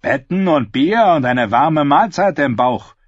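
A wry, mocking knight, played by a male narrator, tossing off sardonic quips in a lively, somewhat raised voice. The grain is husky. It is an audiobook character with a dull, dry sound. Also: on the high side, unhurried, dry recording, voice pushed up.

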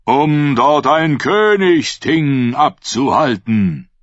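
A fervent prophet preaching slowly to his followers, as a male narrator puts him on. His voice is raised and solemn, each phrase drawn out. The audiobook recording is dry and dull. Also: medium pitch, expressive, no room sound, pitched above the performer's own voice.

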